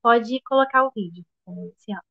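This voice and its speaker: High-pitched teacher on a dull call. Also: female voice, normal speed, gravelly, sharp tone. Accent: Brazilian, Minas Gerais. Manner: casual, many fillers like "né" and "é". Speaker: primary school teacher. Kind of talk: sharing a practice at an online meeting.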